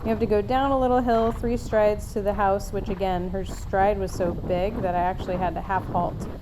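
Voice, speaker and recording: A woman's voice: medium pitch, little pitch movement, fairly quick. Woman's casual voiceover over noisy riding footage. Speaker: horse rider reviewing own ride. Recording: clearly noisy, outdoor ride sound behind. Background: helmet-cam ambience of horse riding.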